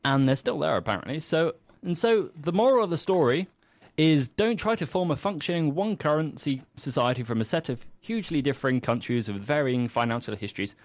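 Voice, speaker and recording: A man's voice: on the high side, animated, brisk, dry recording. A man telling a comic story with playful, teasing asides.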